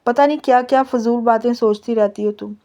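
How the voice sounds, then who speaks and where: A woman's voice: on the high side, fairly even intonation, fairly quick, warm tone, lightly acted. A woman reading the part of a teasing, stubborn young husband in her own voice. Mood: irritated.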